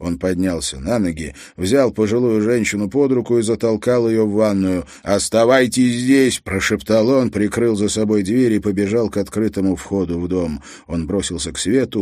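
Guy reading an audiobook, steady and low-pitched, super dry close mic. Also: normal speed, no echo. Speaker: audiobook narrator. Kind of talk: scripted narration.

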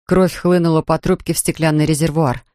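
A tense, measured audiobook narrator. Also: medium pitch, flat delivery, darkish tone, dry recording, studio quality.

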